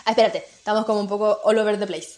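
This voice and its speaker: A young woman with a Chilean Spanish accent and a sore throat, co-hosting a casual podcast chat, playful and quick to laugh. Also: medium pitch, level tone, darkish tone. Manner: playful, laughs often, sings snippets. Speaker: podcast co-host.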